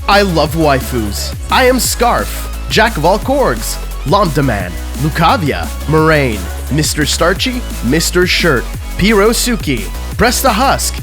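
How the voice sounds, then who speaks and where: A man hosting a podcast, reading out a scripted list of credits. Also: a little high. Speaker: podcast host.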